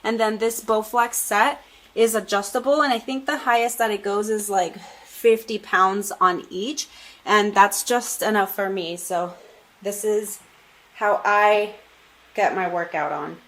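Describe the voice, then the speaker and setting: A woman's voice: mid-range voice, steady tone, unhurried, a bit bright. A woman fitness vlogger chatting casually at home as she shows her workout gear. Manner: chatty, loose and friendly, with many fillers. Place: home workout corner indoors.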